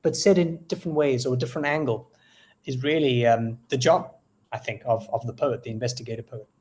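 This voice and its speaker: A man's voice: mid-range voice, fairly even intonation, a little fast, a little mellow. Hesitant South African man, reflective. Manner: reflective, searching for words with many fillers. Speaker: guest poet. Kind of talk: casual interview conversation.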